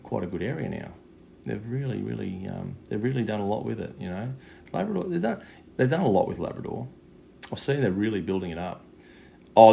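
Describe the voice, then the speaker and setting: A man's voice: deep voice, mellow. A man chatting casually on a livestream as a psychic medium, matey and sweary with plenty of slang. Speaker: psychic medium giving live readings. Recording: clear background noise.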